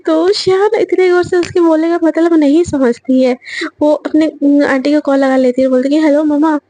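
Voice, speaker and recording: A woman's voice: high voice, fairly even intonation, moderate pace, warm tone, no echo. A woman narrating a romance story episode in a chatty retelling manner.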